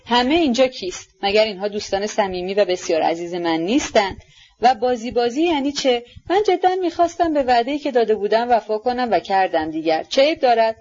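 A woman's voice: a little high, lively intonation, lo-fi sound. A woman reading as a cold, imperious young woman. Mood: mocking. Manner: haughty, sharp and commanding.

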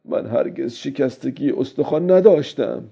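A man's voice: medium pitch, gravelly, warm tone, breathy edge, pitched above the performer's own voice. A man voicing a weary, stubborn old male fisherman who talks to himself in a strained, pleading way, on a dull lo-fi recording. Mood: weary, musing.

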